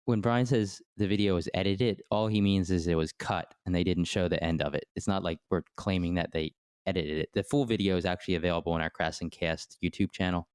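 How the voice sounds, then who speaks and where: Podcast cohost guy, really deep smooth voice, wry little quips. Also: fairly even intonation, a little fast, darkish tone, no echo, clean studio sound. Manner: short wry interjections. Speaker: podcast co-host. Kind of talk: casual podcast talk.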